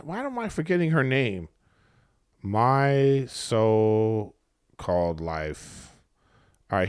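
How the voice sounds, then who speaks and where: A man's voice: fairly low pitch, clear, resonant tone, no room sound. Casual male podcast co-host, dry close sound.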